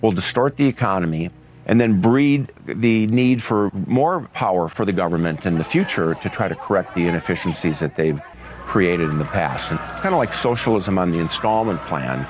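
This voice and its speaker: A man giving a deliberate, explanatory answer in an interview. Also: low voice. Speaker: interviewee, commentator.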